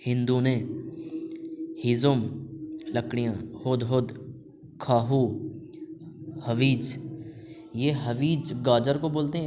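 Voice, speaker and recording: A man teaching a language lesson, reading out vocabulary words and explaining them slowly and patiently, often repeating a word several times. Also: medium pitch. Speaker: Persian teacher.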